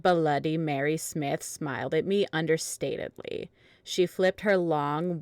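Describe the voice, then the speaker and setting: Reading fan fiction dramatically, a woman narrates in a very deep voice. Her sound is close and completely dry, without any room ambience.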